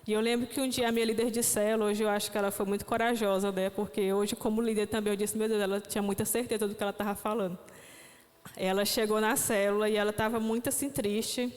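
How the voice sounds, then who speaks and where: A woman's voice: medium pitch, level tone, quick pace. A young woman giving a reflective testimony sermon at a youth church service, with frequent questioning tags. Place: church hall. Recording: long church hall reverb.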